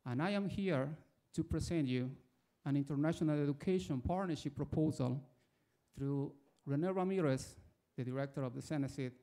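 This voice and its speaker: Before asking his question, a man from Ecuador, in his forties, tells a personal story in a prepared speech from the floor. He has an Ecuadorian Spanish accent and a dark-toned, fairly high voice at a normal speed.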